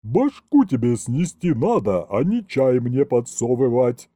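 A bossy elderly woman bookkeeper barks and grumbles in a gruff, heavy voice, as a male narrator puts her on. The tone is dark and mellow, and the dry recording sits close to the mic. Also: mid-range voice, big pitch swings, unhurried, no room sound. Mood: scolding. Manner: bellowing, scolding.

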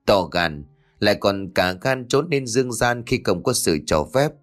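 A man voicing a stern ox-headed demon guard from the underworld, booming and commanding. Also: lively intonation, unhurried, soft background music.

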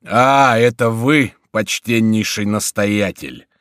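A man voicing a calm, imperious male king who speaks with easy authority. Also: lowish voice, slow pace, clear, resonant tone, dry recording, clean studio sound.

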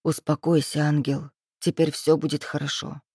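A woman reading a storybook, voicing a cold, menacing man who purrs low and then barks orders. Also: steady tone, measured pace, a little mellow, no room sound, studio quality. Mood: soft soothing. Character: cold, menacing man, a powerful boss's right hand.

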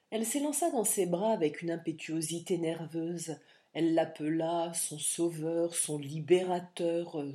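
A woman reading an audiobook in an expressive, dramatic storytelling manner. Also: lowish voice. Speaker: audiobook reader. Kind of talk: scripted audiobook narration.

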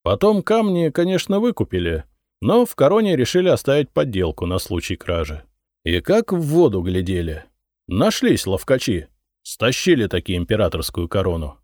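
A man's voice: lowish voice, very animated, moderate pace, darkish tone, no room sound, clean studio sound, voice pushed up. A man voicing a short-tempered male head of a secret service who roars and threatens, in an audiobook. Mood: weary, explaining. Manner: roaring, threatening, commanding. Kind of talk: audiobook character reading.

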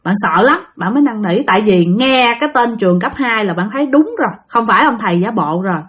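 A woman's voice: fairly high pitch, lively intonation, fast talker, breathy edge. A woman telling listener-sent ghost stories in a chatty way, addressing her audience directly. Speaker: storyteller. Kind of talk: casual ghost story narration.

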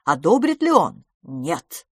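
Stern moralizing mother, read by a woman, low voice, rhetorical lift and drop. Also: very animated, takes it slowly, dry recording, clean studio sound, full character voice. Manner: sermonizing, rhetorical.

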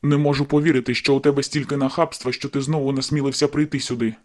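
A woman voicing an angry middle-aged father who shouts gruffly in an audiobook. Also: a bass voice, fairly even intonation, fast, voice pushed down.

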